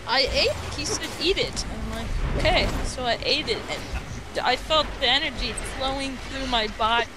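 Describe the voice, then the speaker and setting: In a noisy amateur voice chat, a woman improvises a story casually, halting and rambling and acting out the dialogue as she goes. Her voice is high-pitched with lively intonation, and loud music plays behind it.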